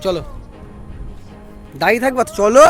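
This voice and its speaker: A man's voice: high-pitched, lively intonation, fairly quick, faint music behind. A man vlogging casually outdoors who keeps repeating himself insistently. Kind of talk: casual vlog chat.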